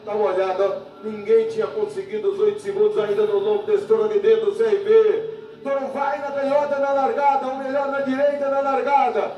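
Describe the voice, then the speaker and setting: Very high-pitched excited Brazilian male rodeo commentator. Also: fairly quick. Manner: excited, emphatic, raised voice. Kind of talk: live sports commentary. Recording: distant echoey television sound, faint music.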